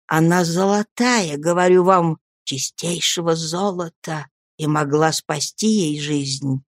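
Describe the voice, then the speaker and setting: Hoarse dying old woman, voiced by a woman, faint, slow, low-pitched, guilt-ridden, storybook reading. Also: no echo. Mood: weak, confessing. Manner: slow, drawn-out confession.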